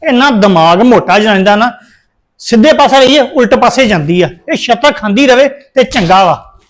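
A man's voice: very high voice, animated, moderate pace. An actor playing a bitter, scolding husband in a family drama, complaining as he talks. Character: bitter, scolding husband, fed up with his wife. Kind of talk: dramatic dialogue in a family serial.

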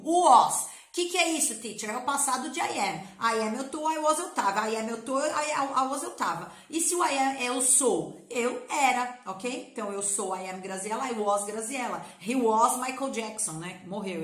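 Lively Brazilian woman teaching English. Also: fairly high pitch. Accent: Brazilian Portuguese. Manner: lively, playful, coaxing repetition with slangy asides. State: has a cold. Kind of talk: energetic online English lesson. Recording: echoey room.

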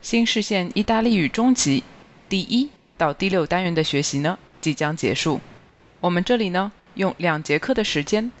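A teacher reads a grammar review lesson at a slow, careful pace, pausing over each item in a list. The voice sits at a middle pitch. The recording sounds slightly dull and lo-fi. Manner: slow, even, careful reading of word lists. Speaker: language teacher. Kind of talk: scripted grammar lesson narration.

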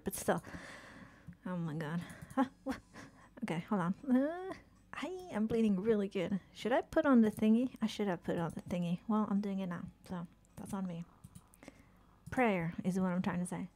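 Woman, game streamer, casual chatter, frequent swearing, quick reactions, mid-pitched voice. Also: darkish tone. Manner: chatty, swears often, quick exclamations and giggles. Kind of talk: casual live-stream commentary while playing.

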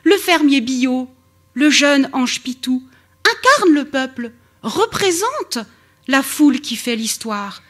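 French woman lecturer, high voice, very lively intonation, public talk. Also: slow pace. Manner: expressive, emphatic lecturing with brief restarts.

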